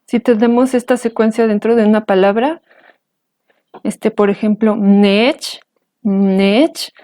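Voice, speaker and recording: Woman teacher, fairly high but mellow voice, patient, careful delivery. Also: steady tone. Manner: slow, careful, patient explanation. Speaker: language teacher. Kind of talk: explaining and pronouncing example words.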